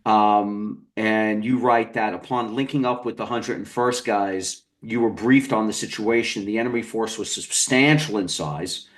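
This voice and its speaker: A man hosts a long-form podcast interview in a slightly low voice. He builds his questions slowly and often restarts mid-sentence. His delivery is measured and thoughtful. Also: fairly bright tone.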